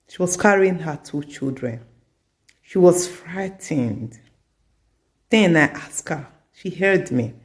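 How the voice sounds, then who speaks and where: A woman's voice: sits low, a little mellow. A middle-aged woman, telling a story in an earnest advice vlog and repeating her points for emphasis. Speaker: community advice vlogger.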